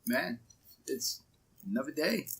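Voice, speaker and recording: A man in his thirties co-hosting a casual podcast chat, relaxed and thoughtful, pausing often with fillers. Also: medium pitch. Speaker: podcast co-host.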